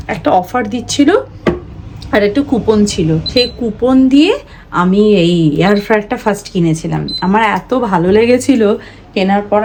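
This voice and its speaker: A woman's voice: medium pitch, dark tone, slight background noise. Chatty Bengali woman vlogging at home. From India. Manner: chatty, talks to viewers while cooking, mixes in English words. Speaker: family vlogger. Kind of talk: casual vlog narration.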